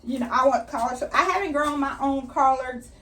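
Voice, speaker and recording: Woman, higher-pitched voice, chatty how-to talk, explains each step, mic set a little away. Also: moderate pace, fairly bright tone. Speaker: gardening vlogger. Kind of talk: casual how-to chat while working. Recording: slightly distant mic.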